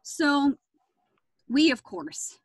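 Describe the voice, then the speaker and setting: A woman's voice: sits high, very animated, drawn-out words, no room sound. A woman narrating a rambling, amused story as a player in an improvised storytelling game over a video call.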